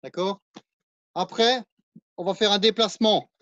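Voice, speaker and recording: A French-accented man with a high, slightly bright voice leads a live online martial arts class, counting out and explaining each move as he demonstrates it. He speaks in a steady tone, a little slowly. The recording is dry, slightly dull and lo-fi, with no room sound.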